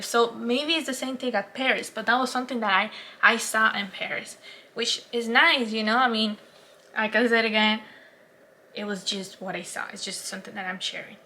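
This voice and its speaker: With a slightly high, bright, forceful voice, a Colombian vlogger rambles casually in her Colombian Spanish accent, Spanish being her native tongue. She laughs frequently and keeps restarting, and there's a little hiss or hum on the audio.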